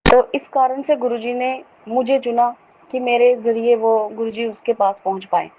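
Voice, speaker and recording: A woman's voice: a little high, dark tone. Earnest middle-aged woman telling a devotional story. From Jammu. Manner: earnest, repeats a respectful address often. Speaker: devotee sharing a testimony. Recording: dull lo-fi recording with faint noise.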